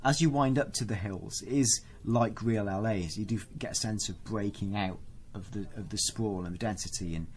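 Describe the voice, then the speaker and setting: A man's voice: on the low side, normal speed, hardly any pauses, a little mellow. A man co-hosting a casual podcast, describing things enthusiastically with lots of fillers. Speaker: co-host.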